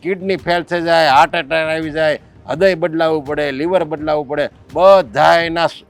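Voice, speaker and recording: A man's voice: fairly high pitch, steady tone, moderate pace, close to an everyday voice. A man playing a generous family man who reassures a troubled relative. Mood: reassuring. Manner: reassuring, lecturing. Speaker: head of household. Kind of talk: rural family stage drama.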